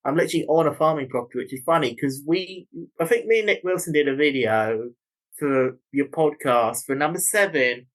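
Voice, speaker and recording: A man's voice: a little high, fairly quick, rough recording. A man from New Zealand with a thick Kiwi accent that leans British, chatting casually and ramblingly as a guest co-host. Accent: thick New Zealand, leaning British. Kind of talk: casual chat.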